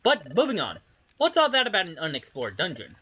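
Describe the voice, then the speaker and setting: Bright, lively player reading game dialogue. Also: mid-range voice, a little fast, slight background noise.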